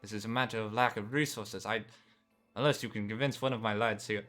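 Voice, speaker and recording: A man voicing a jaded garage owner in his early forties during a tabletop role-play, gruff and businesslike. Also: fairly low pitch, fairly even intonation, a little fast, a bit bright, faint music behind, close to an everyday voice. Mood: weary.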